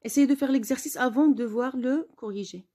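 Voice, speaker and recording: A woman teacher giving a spelling lesson, patiently repeating words slowly for her pupils. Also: high voice, dark tone.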